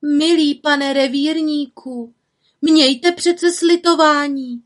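Woman voicing a little witch: high, sweet, playfully cheeky, storybook. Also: steady tone, lightly acted. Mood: innocent. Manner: bright, coaxing and playful. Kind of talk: storybook reading.

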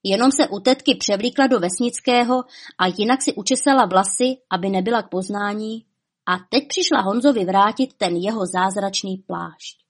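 A woman narrating a fairy tale in a calm, even storytelling manner. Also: medium pitch.

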